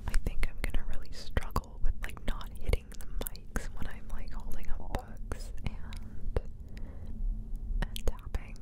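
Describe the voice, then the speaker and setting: A woman whispering softly and close into a binaural mic, moving from ear to ear in a rambling, hesitant, self-deprecating ASMR chat. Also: measured pace. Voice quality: soft unvoiced whisper. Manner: whispers close, shifting from one ear to the other. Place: indoors on a couch. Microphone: close binaural microphone.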